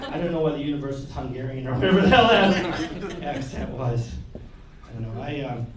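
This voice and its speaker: A man's voice: on the high side, sing-song, moderate pace. A male comedian headlining a club, telling loose, conversational stories and chatting with the audience. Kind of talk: storytelling stand-up. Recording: roomy club, distant mic, loud crowd laughter.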